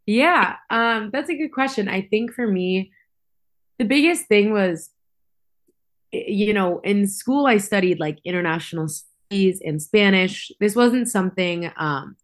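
A woman's voice: medium pitch, expressive, a little slow. A young adult woman chatting casually as an interview guest, informally peppering her talk with filler words. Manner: informal, frequent "like" and "you know". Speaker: podcast guest, model and public speaker.

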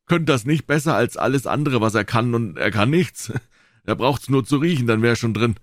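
A man voicing Joe, a cheeky, boastful young boy with a high, eager voice. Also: expressive, a little fast, no echo, clean studio sound, lightly acted. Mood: bragging.

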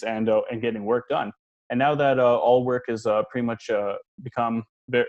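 A man's voice: medium pitch, darkish tone. A man, a guest on a casual podcast, speaking hesitantly with many ums, uhs and restarts and frequent chuckles. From Canada.

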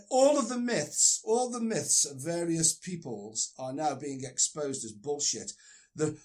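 A man talking over a call with a fairly high voice. He discusses a book casually, then slides into emphatic, profane rants, piling up his points. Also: darkish tone. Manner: ranting, emphatic, swears freely. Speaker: discussion partner.

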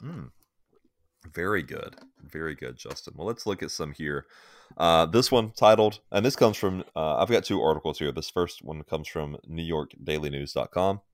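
A man's voice: rumbling low, expressive, moderate pace, no room sound, clean studio sound. A man co-hosting a sports podcast in a casual, opinionated way, often laughing. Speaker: podcast co-host.

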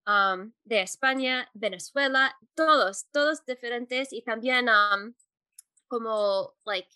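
A woman Spanish teacher answering interview questions, pausing often with fillers and correcting herself as she goes. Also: on the high side, pushed and bright, clean tone, no echo. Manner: hesitant, many fillers and self-corrections.

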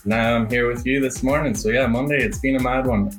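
Music plays in the background as a young Irish painting business owner, a podcast guest, answers interview questions reflectively. His mid-range voice moves a little fast and is peppered with fillers and restarts.

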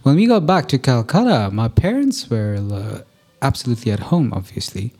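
Candid man a mellow, dark voice. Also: medium pitch, sing-song, brisk, breathy edge. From India. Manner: candid and profane, self-deprecating, many fillers. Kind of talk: casual conversation.

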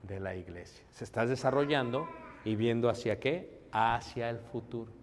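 A man's voice: medium pitch, normal speed, slight background noise. A man preaching a sermon conversationally, often calling out to his congregation as brothers. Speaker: pastor. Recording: long hall reverb.

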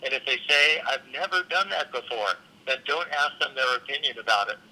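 Man on a phone speaker, very bright voice. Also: medium pitch, rough recording. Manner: friendly and brisk, pressed for time. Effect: heard over a phone on speakerphone. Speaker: guest answering a phone call. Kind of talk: casual phone conversation.

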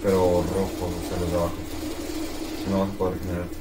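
A man's voice: sits low, completely flat delivery, fast. A man with a Mexican accent in casual banter, grumbling and giving mock-solemn replies. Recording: echoey, distant, loud noise.

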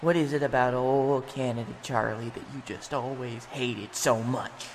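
A man's voice: medium pitch, steady tone, moderate pace, a little hiss or hum, natural voice, poor audio. An actor playing a bitter young male wrestler who rants and sneers at his father. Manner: ranting, shouting and sneering.

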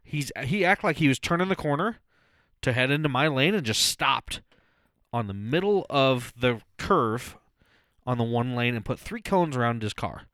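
A man's voice: mid-range voice, normal speed, dry recording. Thirtysomething guy cohosting a podcast, cussing through a story, voice jumps all over, dry mic. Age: 30s. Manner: animated, profane storytelling. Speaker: podcast co-host. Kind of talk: casual chat.

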